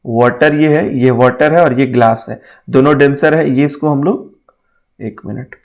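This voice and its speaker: A man's voice: medium pitch, steady tone, unhurried, darkish tone. A man teaching physics for an exam, talking casually, mixing English terms into Hindi and often checking "है ना?". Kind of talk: exam-prep lecture. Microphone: writing on a board while talking.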